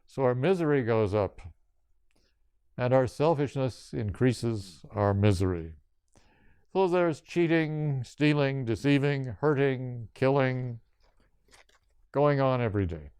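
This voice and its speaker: Older male yoga teacher giving a spiritual talk; slow, measured phrasing in short lists, crisp voice. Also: medium pitch, expressive, darkish tone, no room sound, clean studio sound.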